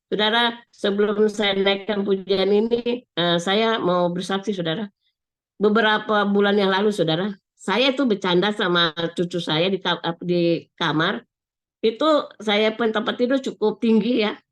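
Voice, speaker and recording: A woman's voice: medium pitch, measured pace. An older woman giving a sermon with a personal testimony over a video call, earnestly and often turning to her listeners. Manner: keeps addressing listeners as brothers and sisters, earnest. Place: online video meeting.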